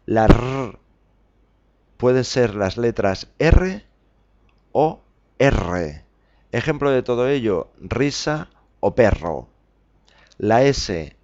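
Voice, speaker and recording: A man hosting a podcast lesson, slowly spelling out letters and examples with frequent fillers. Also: mid-range voice, very animated, darkish tone, lo-fi sound. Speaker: Spanish teacher podcast host.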